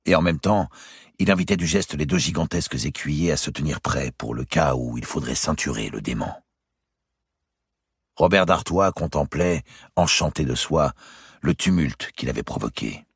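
A male narrator reading a historical novel with expressive, lively delivery. His voice is very deep and gravelly with a strongly husky grain. The recording is dry and close. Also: normal speed, dry recording. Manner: expressive, acts out every character. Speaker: audiobook narrator.

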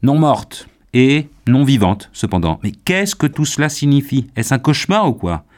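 A man voicing an indignant, hot-tempered young nobleman in a storybook reading, raising his voice high in loud outbursts. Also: fairly even intonation, moderate pace. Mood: outraged.

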